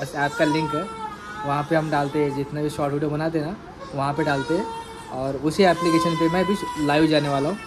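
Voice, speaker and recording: High-voiced man vlogging casually at home. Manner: teasing, animated, laughs often.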